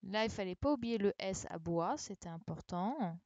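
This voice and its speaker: A woman's voice: medium pitch, expressive, moderate pace, a little mellow, no room sound, highs cut off. A woman teaching young pupils over a live stream, correcting a dictation and spelling words out letter by letter with a patient, checking manner. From France. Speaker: primary school teacher. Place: home setup for an online class. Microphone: computer microphone for a live stream.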